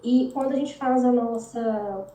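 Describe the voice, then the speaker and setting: A woman's voice: a little high, measured pace, dark tone. A woman in a study group, joining the discussion with hesitant, thinking-aloud remarks. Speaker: group participant. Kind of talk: casual discussion. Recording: distant from mic, roomy echo, faint noise.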